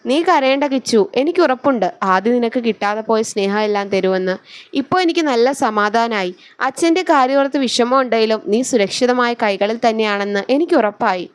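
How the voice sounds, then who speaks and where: A bubbly young woman full of playful banter, as a female storyteller puts her on, in a fairly high voice. Her lines are read in a close, dry audio-story recording with no room around them. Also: brisk, smooth, no echo, natural voice. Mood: soothing. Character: lively teasing young woman, chatty best friend.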